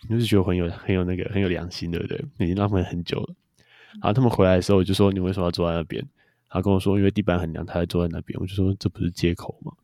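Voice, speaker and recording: Fast-talking low-voiced young man. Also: fairly even intonation, warm tone, dry recording, studio quality. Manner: chatty storyteller. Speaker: podcast co-host. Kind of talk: casual chat.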